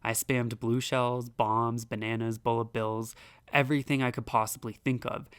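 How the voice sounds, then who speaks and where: A man's voice: mid-range voice, level tone, moderate pace, heavy background noise. A young man narrating a casual video essay, rambling with fillers and restarts. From United States.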